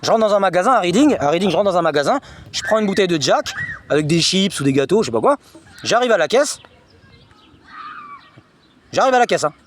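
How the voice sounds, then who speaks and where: A man with a high voice tells his own story at a rapid clip, his pitch jumping all over as he talks. He is agitated and slangy, and he circles back to the same phrases again and again. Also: big pitch swings, a little hiss or hum. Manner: agitated, repetitive, slangy retelling. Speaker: vlogger recounting personal experiences. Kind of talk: personal storytelling monologue.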